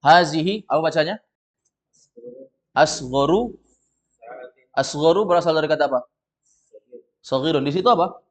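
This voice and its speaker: A man with an Indonesian accent teaching a classroom lesson, patiently correcting students step by step and reading sentences out slowly. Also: a little high, expressive. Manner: reads sentences out slowly and loudly. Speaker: Arabic teacher. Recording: dull lo-fi recording.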